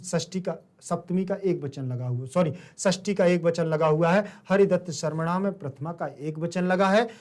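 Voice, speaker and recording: A man with a Hindi-speaking Indian accent, teaching a Sanskrit lesson. He asks his students questions and then answers them himself. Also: a little high.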